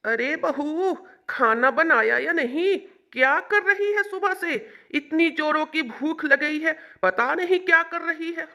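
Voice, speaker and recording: A woman's voice: high-pitched, slow, hardly any pauses, sharp tone, full character voice. A woman voicing an old, nagging mother-in-law in a cartoon story, scolding and complaining in a bossy manner.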